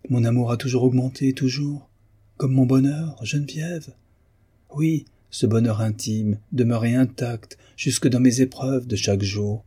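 A man's voice: mid-range voice, steady tone, a little slow, mellow, breathy edge, pitched above the performer's own voice. A man reading the part of a proud, honest bourgeois husband, impassioned and pleading, in an audiobook of a novel. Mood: tender, pleading. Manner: impassioned, pleading then commanding.

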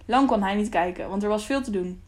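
A woman narrating an audiobook with steady, clear storytelling. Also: mid-range voice, brisk.

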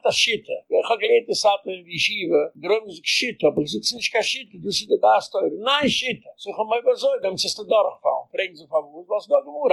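Gravelly older rabbi, husky and emphatic. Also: male voice, high voice, low-quality recording. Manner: switches between Yiddish-flavored speech and English phrases, emphatic. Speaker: rabbi lecturing. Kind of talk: impassioned lecture.

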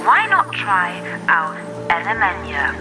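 High-voiced spoof advert salesman. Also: wildly swooping pitch, slow pace, over music, exaggerated voice. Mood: chirpy, salesy. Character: upbeat, absurd male advert voice-over salesman.

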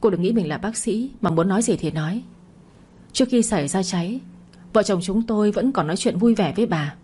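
A woman's voice: medium pitch, animated, brisk, dark tone, breathy edge. A woman voicing a scheming, greedy middle-aged husband who blusters and gets defensive, in a storybook narration. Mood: indignant.

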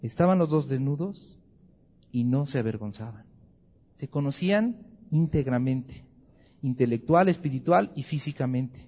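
A man's voice: medium pitch, moderate pace, breathy edge. A man teaching a Bible class with humor, acting out little scenes. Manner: humorous, lively, acts out scenes. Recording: dull lo-fi recording in a reverberant hall.

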